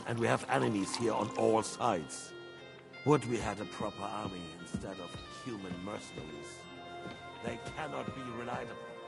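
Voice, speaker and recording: Imperious king with gravelly voice. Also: medium pitch. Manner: haughty, formal, commanding. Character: imperious, embittered medieval king, scornful and calculating. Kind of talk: video game drama.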